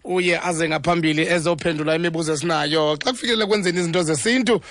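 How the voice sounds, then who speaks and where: A man's voice: a little high, racing, a bit bright, no room sound. A man with a Xhosa accent, hosting a talk radio phone-in. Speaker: radio host.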